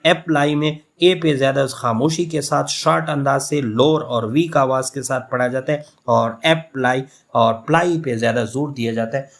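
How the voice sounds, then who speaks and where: Male professor from Pakistan, mid-pitched, patient lecturer who restates each point and repeats example words aloud. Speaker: English literature professor. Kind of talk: recorded lecture.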